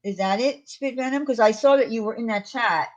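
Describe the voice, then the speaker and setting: In a muffled recording, a livestream host talks casually with her live audience and responds to what they send in. Her voice is a little high and brisk.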